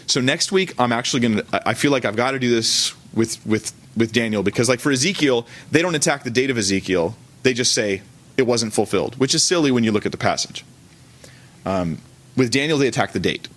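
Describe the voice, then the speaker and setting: Here a pastor teaches a church service in a relaxed, colloquial style, frequently stopping to correct himself. His voice is fairly low in pitch and a bit bright.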